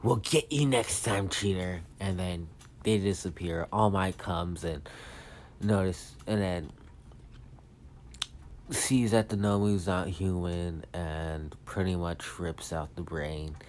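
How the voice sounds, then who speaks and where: A man's voice: low voice, fairly even intonation, slow, darkish tone, a little hiss or hum. A man casually retelling a fan story, rambling with many fillers and self-corrections.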